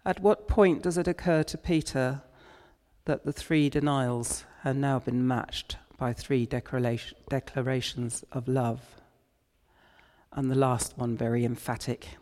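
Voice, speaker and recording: A male preacher delivers a sermon in a slow, deliberate cadence, reflecting on scripture as he goes. His voice rings out with a long church reverb. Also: medium pitch, steady tone, a little mellow. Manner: unhurried, reflective retelling of scripture.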